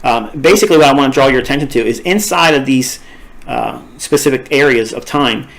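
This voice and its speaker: A man's voice: medium pitch, brisk, vocal fry, a bit bright, poor audio. A man teaching a recorded trading lesson, his voice tired and fading, talking in an emphatic, repetitive and rambling way. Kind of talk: recorded screen-share lesson.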